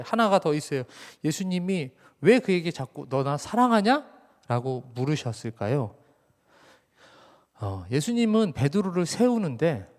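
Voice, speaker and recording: Male pastor preaching, lively up-and-down delivery, slightly high voice, echoing church hall. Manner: conversational preaching, addresses the congregation directly. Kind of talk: sermon. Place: church sanctuary.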